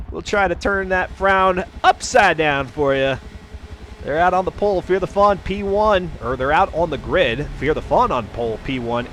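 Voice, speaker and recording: A man with a high, slightly bright voice hosts a racing stream, commentating live in folksy, chatty announcer patter full of jokey asides. Car engines and race ambience roar behind him.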